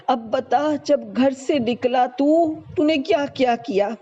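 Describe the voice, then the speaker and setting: A woman speaking as a stern old father who presses his son for the truth, his voice lowered from hers yet still fairly high and mellow. He talks in a firm, insistent way over a dull, lo-fi recording. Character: stern, grieving elderly father.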